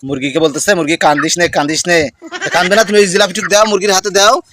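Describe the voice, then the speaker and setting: Teasing high-voiced man. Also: steady tone, fast talker, noisy background. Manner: teasing, addresses viewers directly. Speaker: vlogger filming a child. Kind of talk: playful family vlog chatter.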